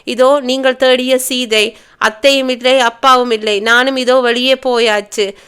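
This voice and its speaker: A woman's voice: sits high, fairly even intonation, measured pace, a bit bright, clean tone. A woman reading a teasing chatty elder sister. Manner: playful, mocking banter.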